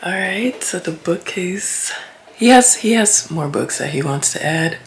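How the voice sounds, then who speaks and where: A young woman talking casually as a home makeover vlogger, chatty and relaxed with soft laughs. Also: lowish voice, a little slow, creaky, slight background noise. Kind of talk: casual vlog voice-over. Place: small home office indoors.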